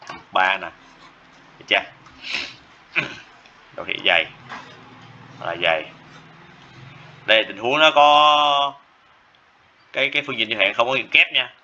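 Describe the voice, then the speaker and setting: A man's voice: on the low side, sharp tone. A man teaching a math lesson, repeating phrases and often checking whether students follow. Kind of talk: classroom lecture. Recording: dull lo-fi classroom recording with faint noise.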